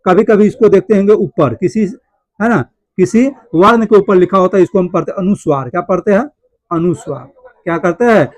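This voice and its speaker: A male teacher gives a classroom grammar lesson, repeating each point and asking the class questions that he then answers himself. His voice sits high, and he speaks to his students affectionately. The recording is dry and close, with no room sound. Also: dry recording.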